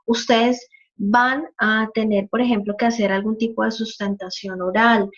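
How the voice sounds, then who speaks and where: A woman's voice: fairly high pitch, fairly even intonation, moderate pace, lo-fi sound. Patient woman teaching online. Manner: patient, explanatory, uses hypothetical examples and frequent "¿sí?" checks. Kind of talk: live online class, answering student questions.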